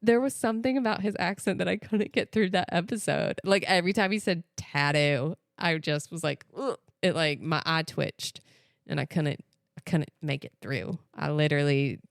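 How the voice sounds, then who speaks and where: American lady rambling on a podcast, lots of likes, crisp voice, dead dry sound. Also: fairly low pitch, normal speed, dry recording. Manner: chatty, animated, lots of "like" and "literally". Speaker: podcast co-host. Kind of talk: casual chat.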